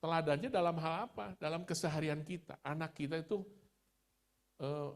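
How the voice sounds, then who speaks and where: Man, middle-aged, gravelly voice, relaxed storytelling sermon. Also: fairly high pitch, normal speed. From Indonesia. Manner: storytelling, chatty, laughs at himself. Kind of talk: conversational sermon.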